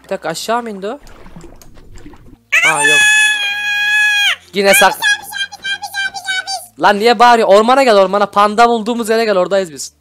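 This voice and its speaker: Excitable young man commenting on a game. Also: high voice, moderate pace, pauses often. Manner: excitable, shouty, constantly reacting. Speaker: gaming YouTuber host. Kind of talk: gameplay commentary. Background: background music.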